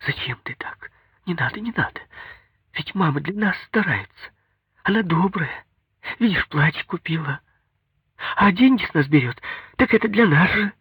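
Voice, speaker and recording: A man's voice: lively intonation, measured pace, pauses often, a bit bright, breathy edge, dry recording, studio quality, full character voice. A man voicing a young wife in an audiobook, anxious, tearful and pleading. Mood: pleading whisper. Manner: pleading, high-pitched.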